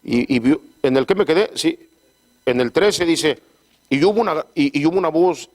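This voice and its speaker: A man's voice: fairly high pitch, lively intonation. A man preaching a sermon who keeps asking his congregation for agreement and stumbles and repeats words as he reads scripture aloud. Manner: call-and-response, frequent "¿verdad?"; halting, repeats words while reading scripture. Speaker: pastor.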